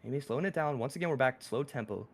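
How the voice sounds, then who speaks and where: A man casting a live online shooter tournament, excitable and gasping at big plays. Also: mid-range voice, very fast. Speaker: esports caster. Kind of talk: live game commentary. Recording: noisy game audio behind.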